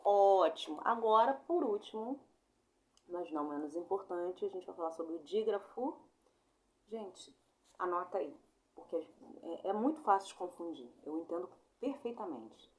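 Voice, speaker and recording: A young Brazilian woman giving a casual online grammar lesson, chatty and informal, apologizing often and spelling sounds out slowly. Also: lowish voice, expressive, darkish tone. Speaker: Portuguese teacher.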